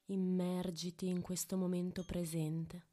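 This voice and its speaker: A woman guides a meditation very slowly, speaking softly as if right in your ear. Her voice is mellow and on the low side. She leaves long pauses between short, intimate phrases. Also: level tone. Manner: hushed, intimate, close to the ear. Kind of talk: guided meditation, slow and soothing.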